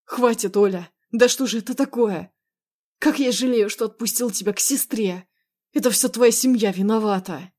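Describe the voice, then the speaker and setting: A woman narrates an audiobook in a somewhat high voice at ordinary speed, lightly acting the part of a possessive, hot-tempered young man. She makes him loud, insistent, and emotional, pleading angrily.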